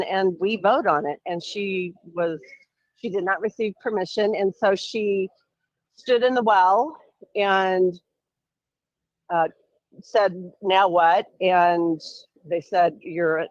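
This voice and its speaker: A woman state legislator calling in over the phone to a radio talk show, explaining events in a brisk, wry and sarcastic way. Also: on the low side, fairly even intonation, no echo. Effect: heard over the phone. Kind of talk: radio call-in interview. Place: travelling while calling in. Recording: dull phone-line sound, dry.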